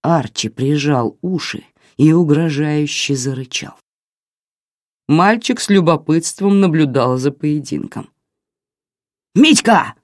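A narrator reading a novel in an expressive, dramatic way. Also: mid-range voice, unhurried, dry recording, clean studio sound. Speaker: audiobook narrator.

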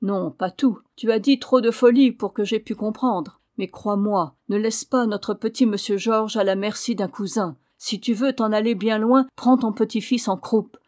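A woman voicing a strange young albino man who speaks softly and sadly. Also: medium pitch, steady tone, normal speed, hardly any pauses, lightly acted. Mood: soft warning. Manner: soft, sad, knowing.

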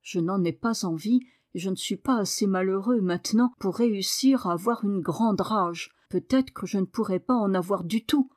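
A woman's voice: medium pitch, normal speed, few pauses, a little mellow, natural voice. A woman voicing a sickly, headstrong young boy in an audiobook, petulant and insistent. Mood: regretful. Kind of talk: audiobook reading.

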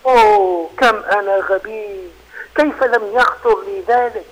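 A man voicing a small, hungry young male rabbit who pleads and gets excited. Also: sits high, unhurried, poor audio.

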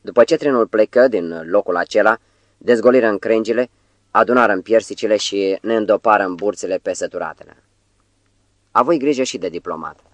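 Man, audiobook narrator, measured literary reading, low voice, dry close sound. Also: no room sound. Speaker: audiobook reader.

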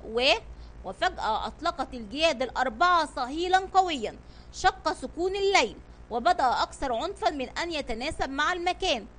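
A woman narrating a children's audio story in an expressive read-aloud manner. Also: sits high.

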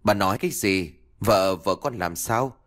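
A man's voice: on the low side, expressive, moderate pace, natural voice. A man voicing a frantic, devoted young village husband who stammers and pleads in a ghost story. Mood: alarmed.

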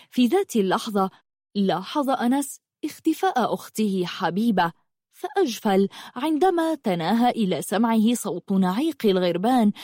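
A woman narrating an audiobook in an expressive, dramatic reading style. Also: medium pitch, dry recording, clean studio sound. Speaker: storyteller.

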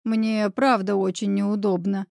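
A woman voicing a shy, apologetic young male neighbor in an audiobook, soft-spoken and embarrassed. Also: mid-range voice, normal speed, no echo, studio quality, natural voice. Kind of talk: audiobook character voice.

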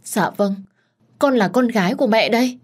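A woman voicing a pushy young daughter who shouts and scolds. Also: a little high, moderate pace, voice pushed up, lightly acted. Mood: pleading.

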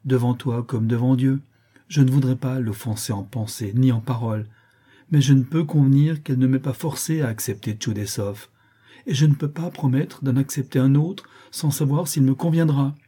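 A man reading aloud, voicing a gentle, tearful young orphan girl who stays firm in her convictions, in a husky voice. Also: medium pitch, normal speed, lightly acted. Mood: earnest.

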